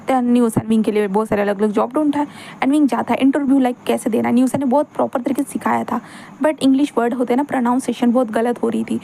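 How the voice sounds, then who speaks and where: A woman's voice: fairly high pitch, fairly even intonation, fast, vocal fry, warm tone, a little hiss or hum. A woman narrating a fan-fiction story in a chatty, rambling way, tossing in English words. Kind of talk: casual fan-fiction retelling.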